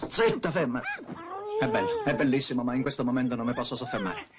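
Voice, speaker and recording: An actor playing a sly, bumbling male burglar, middle-aged, who mutters and hushes to himself as he works. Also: medium pitch, wildly swooping pitch, quick pace, a loud crowd. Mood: hushed fretful. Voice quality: mutters and hushes in a loud whisper. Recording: loud hiss from an old film soundtrack.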